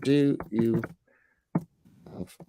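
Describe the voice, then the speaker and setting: A man's voice: mid-range voice, fairly even intonation, extremely slow, noisy background. A man, a chatbot developer on a casual live-stream, talking through his work while he types, with loose colloquial asides. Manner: chatty, thinks aloud while typing, colloquial. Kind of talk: casual screen-share chat.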